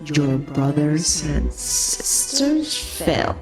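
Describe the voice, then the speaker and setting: A woman voicing an ancient divine being that grants power, speaking in a booming voice with heavy echo, solemn and grave. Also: very animated, drawn-out words, exaggerated voice. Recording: echoey, with music behind.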